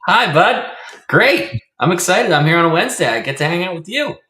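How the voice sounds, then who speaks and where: A man's voice: sits high, brisk. A man chatting upbeat as a guest on a live stream over a webcam microphone, his voice sounding hollow as if he were inside a fishbowl. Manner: upbeat, lively greeting. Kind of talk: casual chat. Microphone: webcam microphone on a video call. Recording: echoey, hollow webcam mic.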